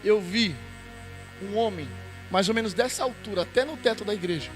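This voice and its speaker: High-voiced, fervent Brazilian pastor preaching. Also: male voice, brisk, faint music behind. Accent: Brazilian Portuguese. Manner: fervent, shouts and chants phrases. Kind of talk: Pentecostal sermon. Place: church.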